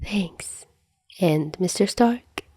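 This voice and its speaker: A woman voicing an earnest, insecure fifteen-year-old superhero boy in a fan audio drama, with a pleading, breathy delivery. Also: fairly low pitch, extremely slow, mellow, no echo, studio quality, full character voice. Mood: shy, calming.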